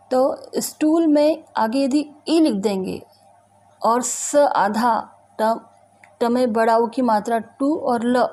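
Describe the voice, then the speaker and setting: A woman teacher with an Indian accent giving a recorded grammar lesson, deliberately repeating each example word. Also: fairly high pitch, mellow. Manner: slow, deliberate, repeats example words one by one. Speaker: school teacher.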